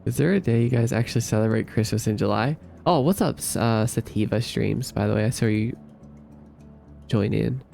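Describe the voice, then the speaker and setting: A young man chats on a livestream, teasing and laughing as he reads out comments. His voice has a gravelly, fry-tinged texture. Quiet music plays in the background. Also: mid-range voice, moderate pace. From Australia. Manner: playful, laughing, teasing chat. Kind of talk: casual chat reading viewer comments.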